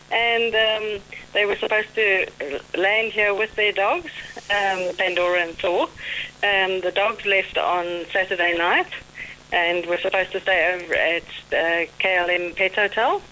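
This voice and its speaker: A woman's voice: mid-range voice, steady tone, measured pace, pushed and bright, a little hiss or hum, rough recording. South African woman calling in by phone. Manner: hesitant, full of ums, laughs easily. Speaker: caller. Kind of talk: phone-in call.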